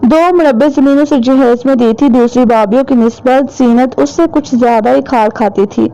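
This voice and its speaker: A woman narrating a horror novel as an audiobook, in steady, measured storytelling. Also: high-pitched, highs cut off. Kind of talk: dramatic novel reading.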